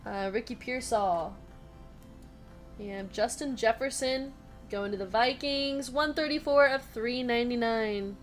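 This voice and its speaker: A woman hosting a live sports card break, chatty and upbeat, reading out names and teams in quick lists and answering viewer comments. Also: on the high side, faint music behind. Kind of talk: casual live-stream chat while opening card packs.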